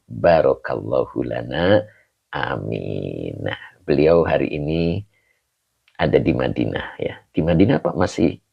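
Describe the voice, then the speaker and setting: A very deep, gravelly male teacher, leading a live online religious lesson. His pitch moves a lot as he greets viewers between careful grammar explanations. The stream audio is dull and lo-fi. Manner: greets viewers warmly with frequent chuckles and pious phrases.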